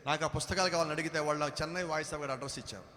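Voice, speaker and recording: Fast, bright-voiced pastor in a reverberant hall. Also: male voice, fairly high pitch. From India. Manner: animated storytelling, acting out dialogue. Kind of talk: testimony sermon. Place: church hall. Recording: long church-hall reverb.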